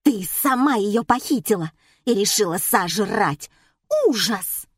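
A woman voicing a shrill, hysterical woman who screams in outrage over her little dog. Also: lively intonation, a little slow, husky, dry recording, studio quality. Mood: outraged. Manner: shrieking, outraged. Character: shrill hysterical woman, small dog's owner.

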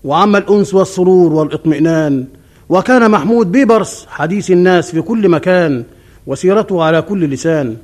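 A man playing a traditional Arabic café storyteller, declaiming a folk epic in a formal radio-drama manner. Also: high-pitched. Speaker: storyteller narrator.

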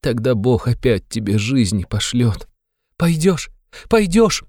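A man's voice: medium pitch, very animated, slow pace, a little mellow, no echo, studio quality, voice pushed up. A man reading an audiobook, voicing a desperate devout young woman who exclaims and pleads. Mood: fervent pleading.

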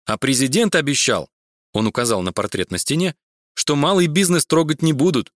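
A man's voice: on the high side, animated, brisk, no room sound, clean studio sound, pitched above the performer's own voice, lightly acted. A man voicing Igor, an exasperated private detective protesting and recalling an attack, in a crime audiobook. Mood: indignant. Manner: exasperated, pleading. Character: indignant male private detective, middle-aged.

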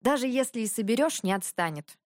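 A teasing young prince from a storybook, his voice pitched high and lively, as a woman reader puts him on. He needles his brother in a bouncy, animated way. The recording is dry and close. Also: a little fast, no room sound, natural voice.

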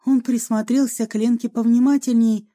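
A woman narrating an audiobook in a calm, even storytelling manner. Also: a little high, moderate pace.

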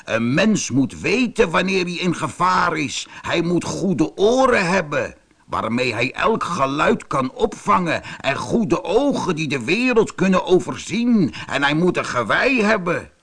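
A man's voice: fairly high pitch, big pitch swings, unhurried, gravelly, a bit bright, breathy edge, voice pushed up, exaggerated voice. A man voicing a timid, fearful male deer in a storybook. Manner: fearful, trembling.

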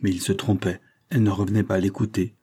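A man reading a classic novel aloud as narrator, in a measured, even storytelling manner. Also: low voice, breathy edge. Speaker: audiobook narrator.

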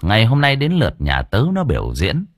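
A man narrating an audiobook story in a lively, expressive way. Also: on the low side, brisk, dry recording, studio quality.

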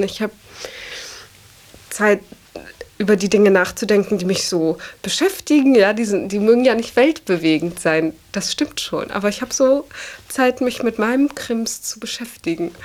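A German woman in her twenties, speaking as an interviewee, talks casually and reflectively about herself in a slightly high, somewhat mellow voice. She often ends phrases with a questioning "ja".

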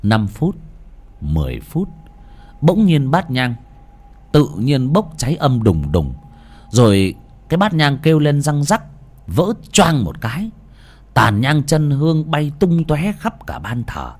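Animated male ghost-story narrator. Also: a little high, slow pace, pauses often, slightly rough.

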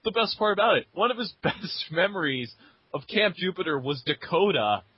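A young man co-hosts a casual book talk and speaks eagerly, often stumbling and restarting. His husky voice is very animated in pitch. The audio sounds dull and dry. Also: moderate pace, no echo. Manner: excited, laughing, stumbling restarts. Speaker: podcast co-host. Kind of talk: casual chat. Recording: dull lo-fi recording.

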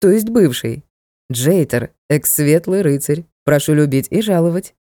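A composed, aristocratic dark lord speaks low and unhurried, as a woman narrator lowers her voice for him. His tone is mellow and softly ironic. The storybook reading is dry and close. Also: lively intonation, dry recording. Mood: amused. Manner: soft, measured, mildly reproachful.

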